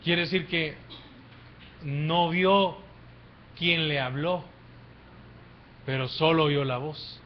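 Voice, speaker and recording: High-voiced preacher. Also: male voice, fairly even intonation, slow pace, pauses often, slight background noise. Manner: swings between hushed low words and loud, rising exclamations. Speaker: pastor. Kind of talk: sermon. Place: church. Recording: dull lo-fi church recording.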